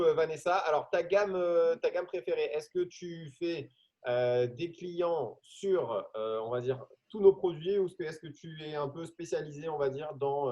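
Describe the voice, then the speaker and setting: A man's voice: a little high, dark tone, dull audio. A man hosting a training session on a video call, talking casually with many hesitations and jokes. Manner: hesitant, many fillers, jokey. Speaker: host.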